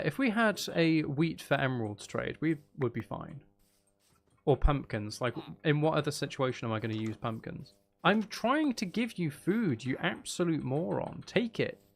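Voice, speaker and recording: With a creaky, mid-range voice, a man streams gameplay and narrates it casually as it happens. He chats, thinks aloud, and mutters to himself with a touch of exasperation while music plays in the background.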